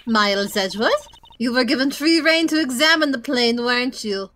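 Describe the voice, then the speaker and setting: A woman's voice: on the high side, animated, moderate pace, bright, forceful tone, slight background noise. A woman doing a sleepy, arrogant prosecutor. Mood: condescending. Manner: sleepy, drawling delivery. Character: arrogant, cold young female prosecutor.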